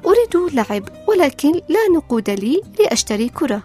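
A woman's voice: high voice, very animated, a little fast, a little mellow, faint music behind. A woman voicing a sad young boy in a told story, asking plaintively for money. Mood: pleading. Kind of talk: storybook narration.

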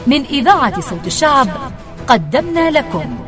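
A woman's voice: high voice, big pitch swings, moderate pace. Woman announcing a radio drama over prominent music. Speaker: radio announcer reading credits.

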